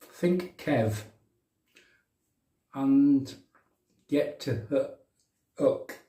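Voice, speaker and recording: Demonstrating in a bathroom, a middle-aged County Durham man chats casually and matily with live viewers of his shaving show. He speaks very slowly in a medium-pitched, dark voice. The distant mic catches plenty of bathroom echo.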